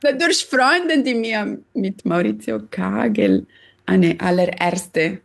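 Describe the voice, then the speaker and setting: A woman from Sicily with an Italian accent, a pianist talking haltingly as a guest over a video call from home. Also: medium pitch, gravelly. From Sicily, Italy. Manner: hesitant, searching for words, laughs often. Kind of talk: casual interview on video call. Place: her home.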